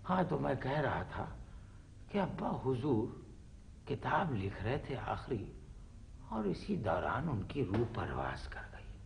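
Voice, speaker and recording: A man's voice: mid-range voice, very animated, slow, vocal fry, long pauses, slight background noise, full character voice. An actor playing a pompous middle-aged father and writer who talks in a flowery, theatrical way full of exclamations. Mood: boastful. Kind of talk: TV drama acting.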